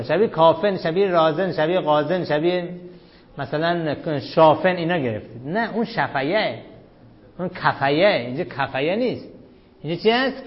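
Man teaching grammar, quizzing his class. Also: on the high side. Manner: quizzing students with questions he then answers himself; chanting sentence analysis in a slow recitation cadence. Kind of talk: Arabic grammar lesson. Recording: dull lo-fi recording.

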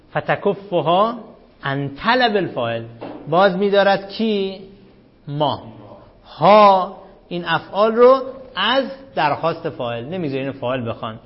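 A man with a fairly high voice teaches a grammar class, firing questions at his students and answering them himself. He recites the analysis of each word in a slow, chanting cadence. The recording is dull and lo-fi. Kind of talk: Arabic grammar lesson.

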